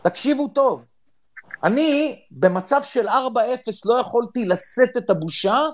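A middle-aged man from Israel telling a story with drama, often urging his listeners to listen well. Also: extremely high pitch. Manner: excitable, dramatic, swears, repeats "listen well". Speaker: podcast panelist. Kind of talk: animated storytelling.

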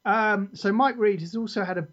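A man's voice: sits high, normal speed, a bit bright. Chatty man hosting a podcast. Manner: jokey, rambling, reads lyrics aloud with laughs. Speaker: podcast co-host. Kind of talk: casual chat. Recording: dull lo-fi podcast audio.

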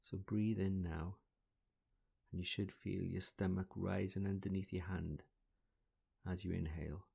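A man leading a guided breathing exercise in a slow, soothing, deliberate voice, counting breaths. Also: sits low, level tone, vocal fry, mellow, breathy edge. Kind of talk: calm guided relaxation exercise.

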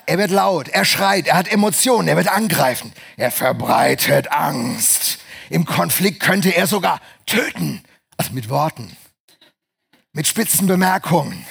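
A man preaching a lively sermon, swinging between hushed and loud voices. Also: a little high, a little slow, vocal fry, breathy edge.

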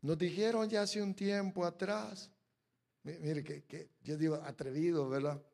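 A man preaching a sermon who swings from quiet asides to shouted peaks and acts out quoted voices. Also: fairly high pitch, fairly even intonation, a little slow, gravelly. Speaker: pastor.

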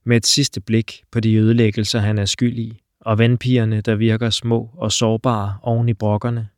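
A man narrating an audiobook, steady and measured in his delivery. His pitch sits in an ordinary middle range. The recording is dry, with no room echo.

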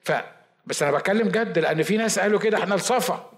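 A man with an Egyptian Arabic accent, preaching a Bible study sermon in a lively, talkative way with asides and mock quotes. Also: high-pitched. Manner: says he shouts and talks fast. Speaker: pastor.

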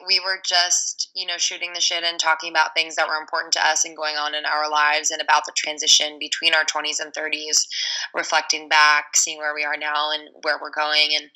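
A woman's voice: sits low, pushed and bright, low-quality recording. A woman of thirty, a podcast guest, talking in a rambling, casual way with many fillers. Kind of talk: casual interview chat.

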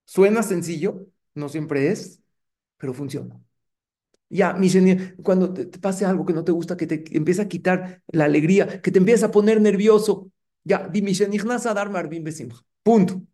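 A middle-aged man, a rabbi giving a lively sermon and putting rhetorical questions to his congregation. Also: high-pitched, normal speed. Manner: engaging, asks the audience rhetorical questions.

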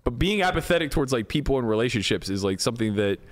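Animated man rambling in casual chat. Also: medium pitch, rapid-fire. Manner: candid, rambling, trails off with fillers.

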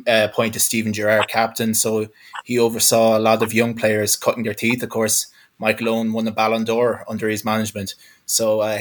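A man in his twenties from Galway, in the west of Ireland, speaks with that region's accent as a sports journalist guesting on a football discussion. He talks fluently and thoughtfully, his fairly low voice carrying a fairly bright tone.

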